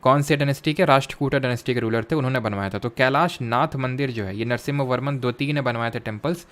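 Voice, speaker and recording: A man's voice: mid-range voice, quick pace, fairly bright tone. A young man with an Indian accent teaching an exam-prep history class. He puts questions to his students, answers them himself, and drops English terms into his speech. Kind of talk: classroom lecture with quiz questions.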